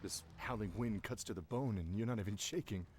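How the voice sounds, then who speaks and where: A man's voice: on the low side, brisk, a little mellow, slight background noise, close to an everyday voice. An actor playing a dutiful, weary soldier captain in a video game, addressing his lord. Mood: uneasy, concerned. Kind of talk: video game character acting.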